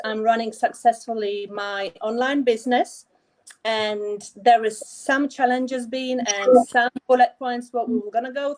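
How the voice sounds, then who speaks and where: Latvian-born woman guest, halting and hesitant, voice a bit high. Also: a little mellow, a little hiss or hum, rough recording. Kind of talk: online event chat.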